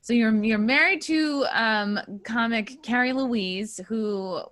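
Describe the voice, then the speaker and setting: A woman's voice: fairly high pitch, takes it slowly, a bit bright. A woman hosting a podcast in casual interview chat, giggly and informal, often trailing off mid-sentence. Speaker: podcast host.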